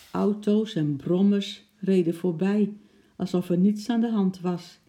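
A narrator reading a children's storybook aloud in a steady, expressive way. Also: medium pitch, vocal fry.

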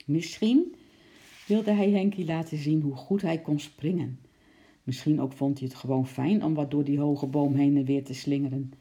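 A narrator reading a children's story aloud in a calm, even manner. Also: medium pitch, normal speed. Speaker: audiobook narrator.

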